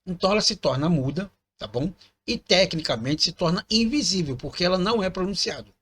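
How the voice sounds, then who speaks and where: A man's voice: sits high, lively intonation, brisk, a bit bright, slightly rough. A man giving a patient lesson on Hebrew vowel points, repeating words and checking in with the listener. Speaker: teacher of biblical Hebrew. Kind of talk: explanatory lesson pointing at text.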